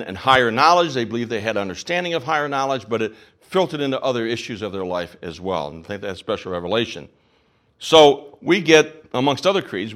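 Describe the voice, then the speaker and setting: A pastor teaching a sermon, asking rhetorical questions and repeating phrases for emphasis. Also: male voice, mid-range voice, a bit bright.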